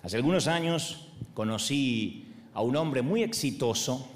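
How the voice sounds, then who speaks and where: This Argentine pastor in his forties preaches a funny sermon at a measured pace, his voice sitting at a medium pitch. He's animated throughout, performing the other characters' voices and laughing with his audience.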